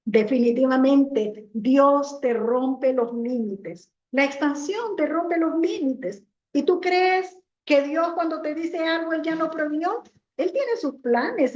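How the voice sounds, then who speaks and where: Woman pastor preaching, high voice, roomy church echo, kinda muffled. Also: darkish tone. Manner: storytelling preacher acting out voices in quotes. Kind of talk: sermon.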